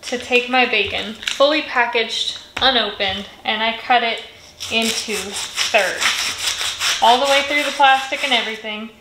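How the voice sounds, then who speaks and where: A woman's voice: a little high, a little slow, reverberant, noisy background. A woman giving a friendly step-by-step cooking voice-over in a home kitchen. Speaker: cooking channel host.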